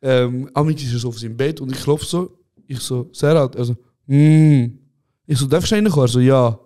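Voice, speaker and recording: A young man with a Swiss German accent co-hosts a casual podcast, talking fast at a medium pitch. He's lively, acting out scenes and doing voices while teasing his friend.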